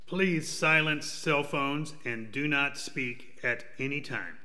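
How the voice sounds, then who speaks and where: A stern male announcer lays out courtroom rules in a bright, forceful voice. A long reverb trails his words. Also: on the high side, slow pace. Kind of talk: scripted announcements.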